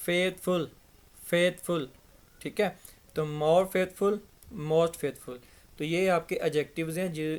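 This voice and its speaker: A young man gives a relaxed grammar lesson. His voice sits on the higher side for a man. He talks in a loose, conversational way and drags out example words so learners can hear each syllable. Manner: conversational, repeats words slowly for pronunciation. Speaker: English teacher.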